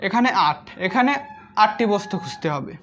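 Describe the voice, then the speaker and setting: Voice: mid-range voice, animated, brisk, a bit bright, slight background noise. A teacher walking young children through a lesson step by step, counting items aloud one by one and speaking to them directly. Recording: slightly dull lo-fi sound.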